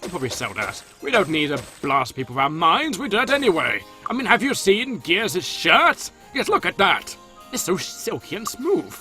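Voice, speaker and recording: A man's voice: sits high, huge pitch swings, normal speed, sharp tone, faint music behind. A man doing casual, jokey game commentary as a let's-play host. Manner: playful, jokey, rambling asides.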